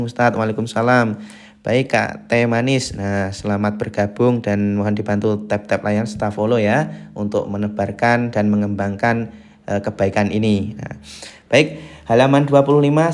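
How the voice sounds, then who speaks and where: A man teaching beginners to read the Quran in a live lesson, chanting syllables slowly to a set tune and greeting viewers as they join. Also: fairly low pitch. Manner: slow, patient drilling of syllables in a chanted tune; reads viewer greetings aloud and answers them.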